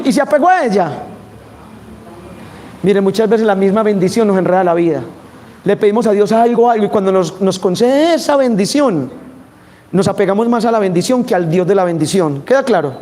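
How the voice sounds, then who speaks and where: A man with a Colombian Spanish accent and a high voice preaches a sermon animatedly, putting questions to his audience.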